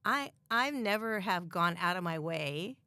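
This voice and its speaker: A middle-aged American woman talks casually as a podcast guest, her voice on the low side. She laughs easily and fills pauses with "um" and "like". The recording is close and dry. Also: lively intonation, pushed and bright, no echo. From United States. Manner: chatty, laughs often, many fillers. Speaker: podcast guest, expat group admin. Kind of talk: casual chat.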